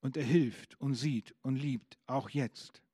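A man's voice: medium pitch, takes it slowly, mellow, husky, no echo, studio quality. A man preaching a sermon, asking the congregation questions and reading out scripture with emphasis.

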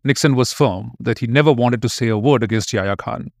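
A man's voice: medium pitch, fairly quick, vocal fry, dry recording. Man narrating history, dry sound. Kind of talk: scripted narration.

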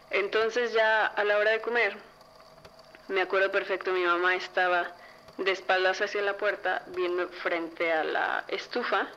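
Chatty young Mexican woman, bright voice. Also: medium pitch. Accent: Mexican Spanish. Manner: chatty, lively, full of fillers. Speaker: storyteller. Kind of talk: casual spoken ghost story. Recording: dull lo-fi recording with faint noise.

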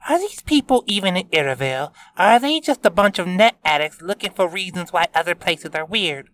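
A man's voice: sits high, lively intonation, fairly quick, fairly bright tone, voice pushed up. A man voicing a sarcastic teenage girl who teases her friends, reading a web novel aloud. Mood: skeptical. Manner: teasing, eye-rolling.

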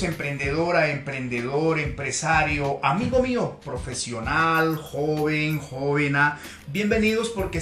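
Peruvian-born man with roomy echo. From Peru. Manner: warm greetings, sweeping pitch emphasis on lists of address. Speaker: podcast host and communication coach. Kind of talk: motivational audio course narration. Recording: roomy echo with faint music.

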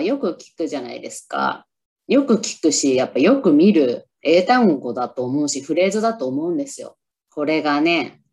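On her own podcast, a Japanese woman casually reviews a favorite film, upbeat and chatty, occasionally trying out English lines aloud. Her voice is deep and a little mellow.

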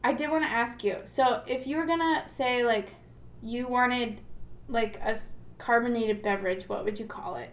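A woman's voice: a little high, normal speed, reverberant. A woman from Florida chatting casually as a host, rambling with lots of fillers and restarts. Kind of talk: casual chat.

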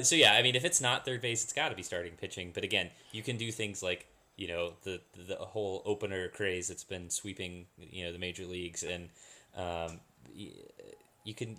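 A man with a very low voice, co-hosting a casual sports podcast. He talks haltingly, often repeating words, and laughs easily. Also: bright, forceful tone. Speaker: podcast co-host.

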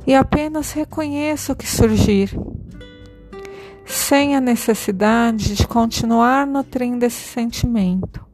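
Slow, soothing woman guiding a meditation. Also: a little high. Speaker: meditation guide. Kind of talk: guided meditation. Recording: soft music behind.

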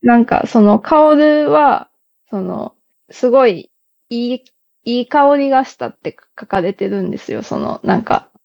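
A woman chatting casually, halting and laughing between phrases. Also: on the high side, expressive, vocal fry, a little mellow, no echo. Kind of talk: casual chat. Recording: slightly dull, lo-fi sound.

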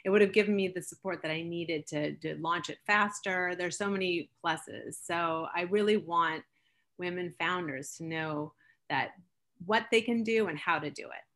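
A woman's voice: on the low side, normal speed, fairly bright tone. A woman from Seattle, an interview guest and founder, talking earnestly with frequent fillers and laughs. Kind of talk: interview chat.

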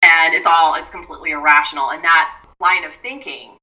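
A woman with a low voice and a sharp, bright tone, explaining things to an interviewer in a measured, step-by-step way. She often restarts her sentences. She sounds somewhat far from the mic. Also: steady tone, lo-fi sound. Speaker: mindfulness expert guest.

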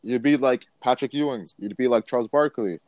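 A man's voice: mid-range voice, fairly quick, a little mellow, no echo. A man talks sports on a podcast, pressing his argument with rising emphasis and lists of examples. His voice sits in an ordinary middle range. The sound is dry and close to the mic. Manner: emphatic, builds points in lists. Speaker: podcast co-host. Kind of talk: casual sports podcast chat.

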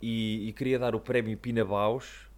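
A man's voice: on the low side, little pitch movement, moderate pace. A man with a European Portuguese accent chatting casually and playfully on a motorsport talk show. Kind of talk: casual joking race discussion.

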